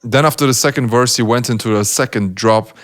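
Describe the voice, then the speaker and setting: A man's voice: medium pitch, a little fast. A young man hosting his channel, reviewing beatbox rounds in casual, gushing commentary, often laughing and trying out the sounds himself. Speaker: beatbox analyst and channel host. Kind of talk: enthusiastic reaction commentary.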